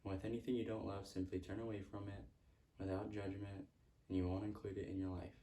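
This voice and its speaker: A man's voice: deep voice, flat delivery, fast, mellow, distant mic. A man giving a motivational self-help talk, repeating earnest affirmations. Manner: earnest, repetitive affirmations with stray laughs. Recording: echoey room, speaker off-mic.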